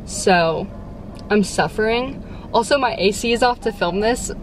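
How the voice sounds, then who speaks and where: This is a casual vlog: a chatty young woman from Texas, a book vlogger, addresses her phone camera from a parked car while music plays softly under her voice. She peppers her bubbly talk with "like" and speaks at an unhurried, medium-pitched pace. The phone sits at arm's length, and the background is noisy.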